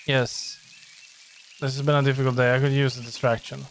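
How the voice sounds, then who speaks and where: A man's voice: medium pitch, little pitch movement, fairly quick, a little hiss or hum, natural voice. A man voicing a young male artist in a game who is shaken and weary, reading the lines aloud plainly.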